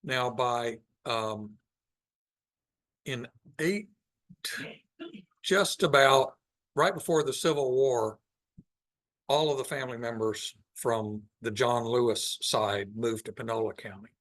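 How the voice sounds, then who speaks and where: Slow, unhurried man presenting slides. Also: mid-range voice, fairly bright tone. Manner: unhurried, thinking aloud with frequent pauses. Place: meeting room with a live audience.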